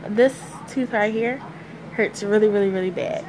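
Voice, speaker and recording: A woman in her early thirties talks with a finger in her mouth as she points at her teeth. Her words come out loose and chatty, with plenty of fillers. A steady hum of noise sits clearly behind her at home. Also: mid-range voice, normal speed, rough recording. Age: early 30s. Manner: chatty, loose, says "y'all" and "um" a lot. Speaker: vlogger. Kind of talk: casual chat. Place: home, indoors, evening.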